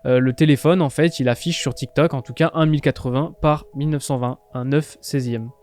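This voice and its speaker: A man from France talking casually through a step-by-step software tutorial, with lots of filler sounds. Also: mid-range voice, steady tone, brisk. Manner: chatty, many filler "euh" and "bah". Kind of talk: casual screen-recorded tutorial.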